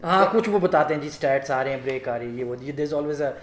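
Casting: Pakistani man, higher-than-average voice, casual code-switching talk, dry teasing delivery, echoey room. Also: expressive, racing. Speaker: cricket commentator on a panel show. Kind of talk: casual chat switching between Urdu and English. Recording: roomy echo.

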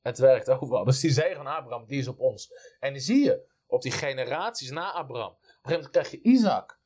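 A man's voice: mid-range voice, lively intonation, quick pace, darkish tone, husky. Eager man in a casual Bible chat. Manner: eager, affirms often with "ja" and "wauw".

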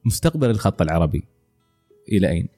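A man's voice: sits low, sing-song, racing, vocal fry, mellow, faint music behind. A man hosting a podcast interview, nudging his guest along with short affirmations. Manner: brief affirmations, friendly prompting. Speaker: podcast host.

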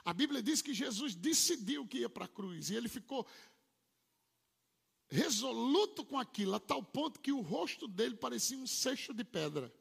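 Gravelly, lively Portuguese-speaking preacher man. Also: normal speed. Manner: swings from low murmured asides to loud shouted proclamations. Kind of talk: sermon. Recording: long hall reverb.

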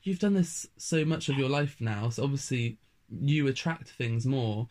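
A man's voice: medium pitch, expressive, moderate pace, darkish tone. A man interviewing a guest in casual chat, eager and complimentary.

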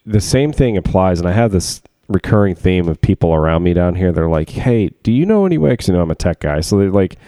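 A man with a very low, deep voice talks through a casual tech podcast. He rambles, leans on fillers and laughs often. The sound is close and dry. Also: brisk, few pauses, dark tone, no echo. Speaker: podcast co-host, tech worker. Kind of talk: casual chat.

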